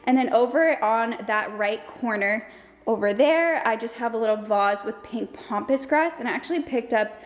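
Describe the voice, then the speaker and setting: Indoors at her family home, a young woman talks casually to camera in a bubbly, chatty vlog, a bit breathless. She speaks at normal speed in a slightly high voice, and the audio is reverberant.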